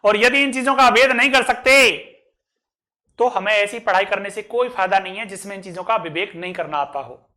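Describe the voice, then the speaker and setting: A man teaching a grammar lesson, reciting a verse slowly and then explaining it word by word. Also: sits high, pushed and bright.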